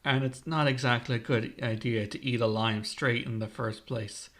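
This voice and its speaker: A man's voice: mid-range voice, fairly even intonation, normal speed, a bit bright, natural voice. A man voicing a playful, easygoing young boy with an offhand tone.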